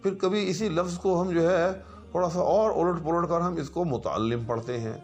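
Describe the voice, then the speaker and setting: A man teaching Arabic grammar in a patient lecture, who often checks in with "right" and recites word forms slowly one after another. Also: on the high side, darkish tone, soft background music. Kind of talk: explanatory lecture.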